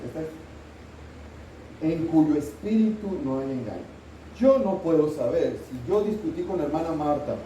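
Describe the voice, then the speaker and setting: A middle-aged man preaches an earnest sermon and checks in with his listeners. His voice sits a little high yet sounds very dark and mellow. He is picked up at a distance in a roomy church, with faint noise behind. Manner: earnest, asks the congregation questions. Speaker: pastor. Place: church sanctuary.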